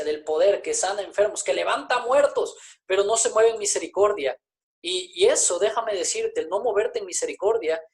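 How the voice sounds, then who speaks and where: A woman preaching a sermon, emphatic, repeating her key phrases and asking the congregation rhetorical questions. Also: mid-range voice.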